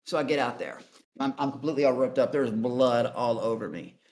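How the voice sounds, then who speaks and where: A man's voice: mid-range voice, fairly quick, a little mellow. A man guest on a call-in interview, telling his story in a blunt, profane, rambling way. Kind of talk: casual storytelling.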